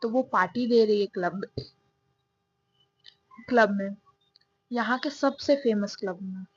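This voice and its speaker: A woman's voice: medium pitch, slow pace, husky. A woman doing a cautious young college guy. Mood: casual. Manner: warning, casual. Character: cautious, easygoing young male college friend. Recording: dull, dry sound.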